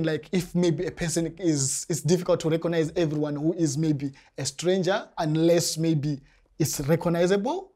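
A young man from Zimbabwe with a Zimbabwean accent, answering interview questions carefully with pauses and restarts, on a lapel mic in a small studio. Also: on the high side, darkish tone. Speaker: interview guest, church member. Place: small indoor studio set.

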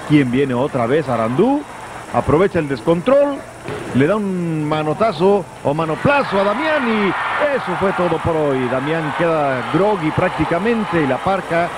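A man's voice: fairly high pitch, big pitch swings, unhurried. A male wrestling commentator with a Mexican accent calls live lucha libre play-by-play in a conversational, descriptive way. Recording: noisy old VHS broadcast of arena event. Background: noisy wrestling arena.

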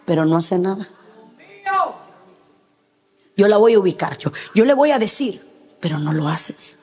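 A middle-aged woman pastor preaching a sermon emphatically, breaking into sudden high shouts and acted quotes. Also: long reverb tail.

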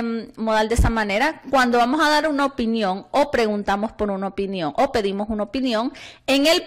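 A female English teacher from Honduras explaining a grammar lesson in Spanish and reading English example sentences slowly and clearly. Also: fairly high pitch. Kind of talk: classroom lesson.

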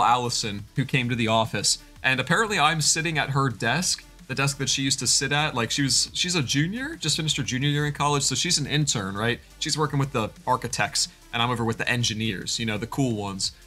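A man's voice: medium pitch, bright, forceful tone. A young man in his twenties streaming live, chatting casually and rambling, with a stuffy nose from allergies. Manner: rambling, chatty, thanks chat by name.

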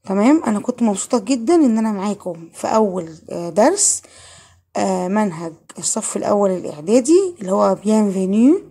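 Husky-voiced Egyptian woman teaching French. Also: mid-range voice, very animated, fast, warm tone. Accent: Egyptian Arabic. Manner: patient, asks and answers her own questions. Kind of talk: online lesson explaining grammar.

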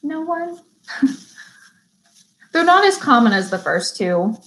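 A young woman teaching an online beauty school lesson, reading definitions slowly and chatting between them with easy laughs. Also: sits high, sing-song, fairly bright tone, poor audio. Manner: chatty, laughs easily, stumbles and restarts; reads definitions slowly, then chats. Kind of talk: live online vocabulary lesson.

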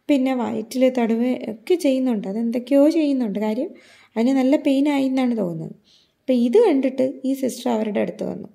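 A woman's voice: high-pitched, gravelly, mellow. A young adult woman telling a personal story in a vlog, in an earnest and detailed way. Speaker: vlogger.

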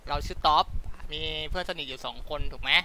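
Young male streamer for a loose interview host, sharp tone, rambling and casual, light background hiss. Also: a little high, fast talker. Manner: chatty, repeats words, swears casually. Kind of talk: casual game-stream chat.

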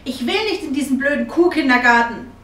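A woman's voice: sits high, lively intonation, measured pace, darkish tone, voice pushed up. A woman voicing a stubborn, sulky little girl who pouts and talks back, recorded in an echoey room from a distance. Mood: defiant. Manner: pouting, defiant.

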